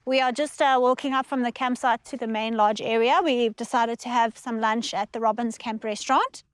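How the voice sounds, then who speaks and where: South african lady vlogging casually, clear smooth voice, a bit high, close dry sound. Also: moderate pace, dry recording. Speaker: travel vlogger. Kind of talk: casual vlog chat.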